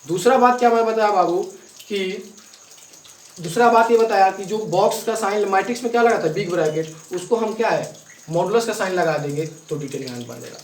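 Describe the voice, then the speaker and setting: Speaking far from the mic in an echoey room, a male maths teacher with a high-pitched voice spells out each step of a lesson slowly and keeps checking in with his class. There's a little hiss or hum in the audio.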